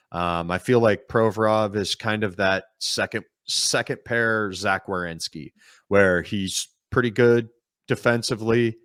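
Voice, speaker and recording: A man co-hosting a sports podcast, talking casually and at length in a calm, explaining way. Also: low voice, clean tone, no echo, clean studio sound. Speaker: podcast co-host.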